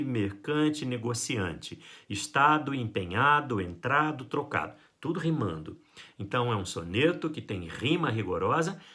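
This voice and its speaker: Lively Brazilian literature teacher, a man. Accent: Brazilian Portuguese. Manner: lively, playful, acts out quotes with big pitch jumps. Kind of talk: recorded online class for high school.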